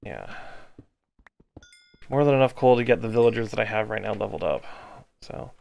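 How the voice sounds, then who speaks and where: An exhausted man giving casual gameplay commentary, halting as he thinks aloud to himself. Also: lowish voice, animated, creaky, darkish tone. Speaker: gaming video host.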